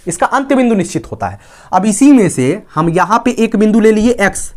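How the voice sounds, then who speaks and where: A man teaching a maths lesson at a board. He explains step by step and keeps checking that listeners follow. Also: high voice.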